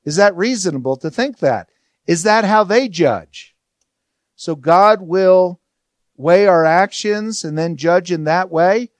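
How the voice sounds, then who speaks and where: A man's voice: sits high, slow pace, no room sound. A man teaching a Bible study verse by verse, explaining in a conversational way and asking rhetorical questions.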